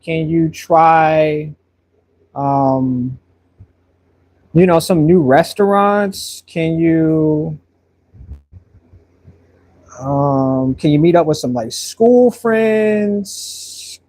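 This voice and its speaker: A man in his thirties talks casually while he paints and answers viewers. His voice sits a little high for a man. He rambles in a friendly way and often repeats words as he searches for what to say next. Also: extremely slow, pauses often, a little mellow. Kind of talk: casual live-stream chat while painting.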